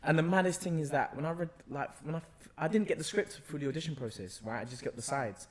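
Seated on a sofa in a bright room, a young London man guests on a podcast, speaking into a close boom-arm mic. His voice is fairly high and quick as he retells his experiences in slangy, expressive, conversational style.

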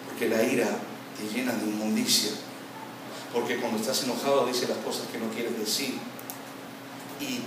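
A male pastor preaching an animated sermon with a Latin American Spanish accent, sometimes mimicking quarrelling voices. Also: medium pitch. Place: church hall. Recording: very echoey hall, from far off, noisy.

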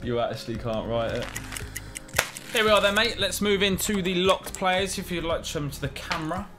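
A man's voice: high-pitched, lively intonation, fairly quick, over music. A British man in his twenties hosting a video with casual gaming commentary. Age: 20s. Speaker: gaming YouTube host. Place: small room at home.

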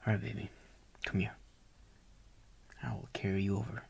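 Speaking at a normal speed with a fairly low pitch and flat delivery, a young man heavily acts the part of a doting boyfriend in a soft ASMR roleplay. He is gentle, coaxing and reassuring, breathy and often almost whispering, with a tender, soothing mood.

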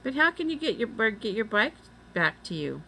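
A woman reading the part of a young girl in a storybook, eager and quick to act. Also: on the high side, big pitch swings, gravelly, bright, forceful tone, a little hiss or hum, pitched above the performer's own voice, full character voice, rough recording.

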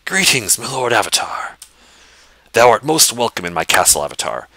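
A man voicing a muscular knight who rules a castle, speaking in a raspy voice with formal archaic phrasing. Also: medium pitch, big pitch swings, normal speed, pushed and bright, no room sound, voice pushed up, exaggerated voice, poor audio. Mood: courteous.

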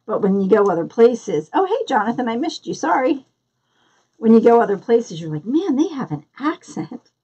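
Hosting a live craft tutorial, a Philadelphia-accented woman from that area chats and greets viewers by name as she works. Her voice sits on the high side, dark-toned and husky, very animated at normal speed, though the recording is muffled.

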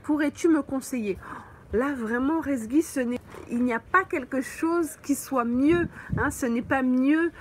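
A woman teaching French on a live stream, her voice sitting a little high and her delivery very slow and patient. She thinks out loud, pausing and filling gaps as she answers comments. A faint hiss of noise runs underneath. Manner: slow, patient, thinks aloud with many fillers. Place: mobile home on holiday.

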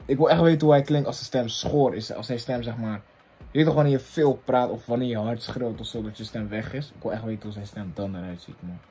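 A man hosting a reaction video, chatting casually in excitable, slang-heavy street talk that swings from loud bursts to low mumbles. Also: fairly quick, slightly rough.

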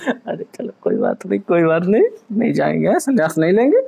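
Calm, teasing man in a home vlog. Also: high voice, a little slow, vocal fry, slightly rough. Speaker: vlogger husband pulling a prank. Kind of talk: casual home vlog talk. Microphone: camera set up in front.

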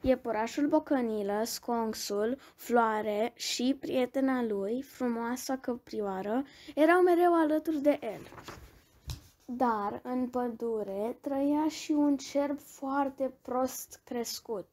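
A woman reading a bedtime story aloud, gentle and expressive, with small restarts. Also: on the high side.

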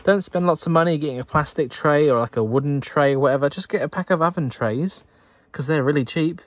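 Speaking fairly quickly in a higher-than-average voice, this Lego builder and channel host narrates his build in an upbeat, talkative way. It's casual commentary over build footage, thinking aloud as he goes, with no room sound.

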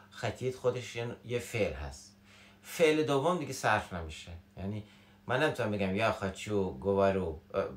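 A man's voice: fairly low pitch, roomy sound. A man with a Shirazi Persian accent giving a casual spoken language lesson, playful and acting out everyday examples. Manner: playful, acts out everyday examples, swings between animated and quiet. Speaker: Russian language teacher.

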